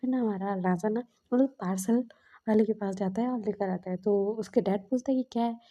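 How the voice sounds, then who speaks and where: A woman's voice: medium pitch, a little fast, dark tone, dull audio. Chatty woman retelling a story. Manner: chatty, with many fillers.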